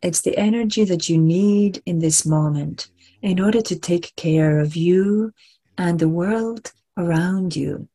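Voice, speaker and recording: With a soft, breathy voice on the low side, a woman leads listeners through guided relaxation, slow and soothing, using repeated phrases and lengthy pauses.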